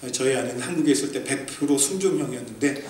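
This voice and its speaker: A man from South Korea preaching a sermon as a pastor, animated and emphatic, swinging between loud peaks and quiet asides, acting out quoted remarks with humor. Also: mid-range voice, quick pace. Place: church sanctuary. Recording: echoey distant hall recording with faint noise.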